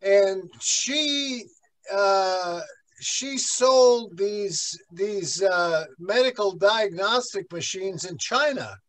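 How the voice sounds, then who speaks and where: A man with a high voice teaches a church class at an unhurried pace. He talks like a pastor leading a Bible study, conversational and meandering, full of fillers and side stories. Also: lively intonation, a bit bright, poor audio. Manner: slow, rambling, with many fillers and asides.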